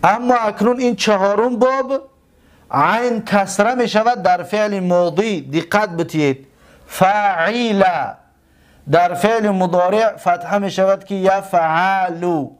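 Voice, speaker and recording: A man teaching a grammar lesson, slowly stretching out and repeating each word form. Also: high-pitched. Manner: slow, drawn-out repetition of word forms.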